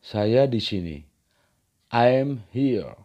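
A man teaching beginners, reading short everyday phrases and then their translations in a slow, scripted drill. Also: medium pitch, expressive, dark tone. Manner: reads each phrase in one language, then its translation. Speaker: language teacher.

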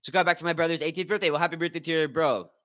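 A man's voice: a little high, steady tone, rapid-fire, fairly bright tone. A man hosting a live watch-party stream, commenting casually in loose slang and reading out and answering his chat.

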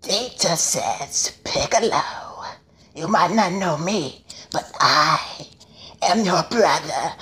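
A man's voice: on the high side, very animated, very slow, pushed and bright, pitched below the performer's own voice, full character voice. A man voicing a sinister, creepy male monster from an anime.

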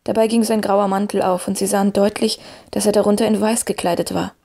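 A woman reading a fantasy story aloud with an even storytelling delivery. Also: medium pitch, fairly quick, gravelly, husky. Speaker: audiobook narrator. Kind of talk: scripted fantasy narration.

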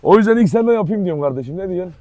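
A man with a fairly high voice talks casually to viewers and a friend outdoors. He often breaks off to shout firm commands at his dogs. The talk is loose and chatty. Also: animated, racing, no room sound. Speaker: dog owner and channel host. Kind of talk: casual vlog chat.

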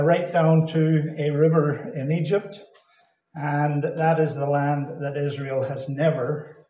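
A man from Canada, giving a deliberate Bible teaching address that repeats and stresses key words. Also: on the high side, darkish tone. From Saskatchewan, Canada. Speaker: Bible conference speaker. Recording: echoey hall.

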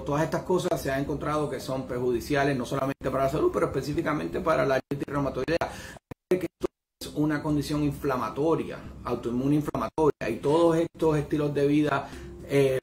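A man's voice: a little high, darkish tone. A middle-aged man, a rheumatologist giving an educational talk to patients, hesitant with many fillers.

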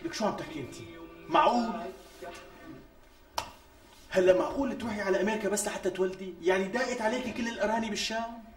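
An actor playing a harried young husband short of money, with a Syrian Damascene accent, protesting in exasperation. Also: male voice, sits high, fast talker, pauses often, lightly acted. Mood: exasperated. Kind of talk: TV sketch acting. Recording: distant mic with faint music.

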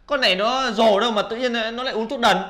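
A man's voice: extremely high pitch, fast, bright, forceful tone. An actor playing a young male student roommate who talks bluntly and scornfully.

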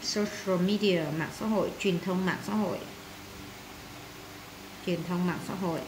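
A woman's voice: on the low side, steady tone, unhurried, background noise. Woman teacher repeating vocabulary words. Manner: repeats each word, many filler sounds, translates terms one by one. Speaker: English teacher. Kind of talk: vocabulary lesson for students.

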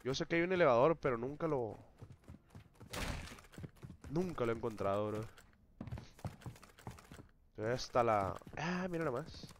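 A man's voice: mid-range voice, animated, a little slow, long pauses, noisy background. A man chatting on a live game stream, teasing his chat with slangy banter.

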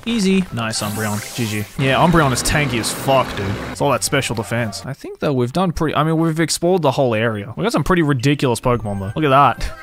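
A man's voice: medium pitch, lively intonation, fast, a bit bright. A man in his thirties giving casual, sweary live gaming commentary into a close desk microphone. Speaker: game streamer. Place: small indoor room at gaming desk. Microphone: close desk microphone on boom arm. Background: game music.

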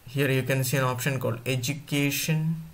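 A man's voice: medium pitch, fairly even intonation. A male teacher giving an online class, talking to his students directly and repeating points often. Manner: slow, repetitive, addresses students directly.

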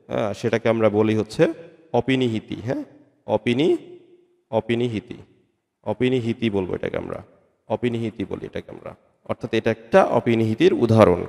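A man teaching an exam-prep grammar lesson, explaining slowly and spelling out sounds letter by letter, repeating terms and checking with "right?". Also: medium pitch, gravelly, darkish tone. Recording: long hall reverb.

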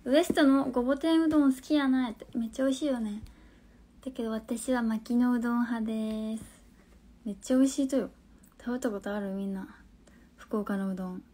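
A young woman in her twenties speaking with a Hakata dialect, her voice sitting a little on the high side. She chats casually into her phone on a live stream, reading out viewers' comments and answering them, now and then sinking into soft, near-whispered asides. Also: steady tone, a little fast. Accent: Hakata dialect of Fukuoka.

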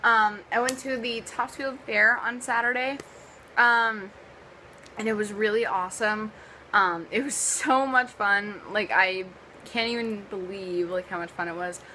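A woman's voice: mid-range voice, fairly even intonation, unhurried, sharp tone, slight background noise, low-quality recording. A young woman from the US East Coast with a sore, partly lost voice, chatting casually in a vlog and rambling with lots of ums and likes. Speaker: vlogger.

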